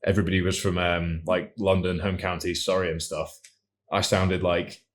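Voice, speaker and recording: A man's voice: low voice, flat delivery, moderate pace. A young man from Scotland talking as a podcast guest in an earnest, thoughtful way, often restarting his sentences. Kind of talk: casual podcast conversation.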